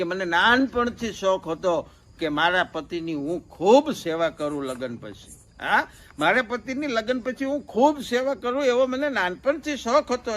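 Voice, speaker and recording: A man spins one folk joke after another. He talks in a homely, storytelling way and slows down to stretch out each punchline. The recording was made in a studio. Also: high voice, a bit bright. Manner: folksy joke-telling, drawn-out punchlines. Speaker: stand-up comedian. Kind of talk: Gujarati folk comedy storytelling.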